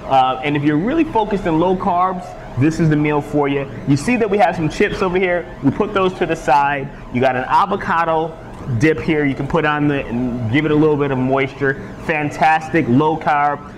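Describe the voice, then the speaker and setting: A man's voice: fairly high pitch, moderate pace, slight background noise. A young man, a fitness coach, talking energetically and promotionally to the camera at a restaurant. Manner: energetic, promotional, talks with hand gestures. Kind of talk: upbeat fitness vlog presenting. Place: outside a restaurant, then at a table indoors.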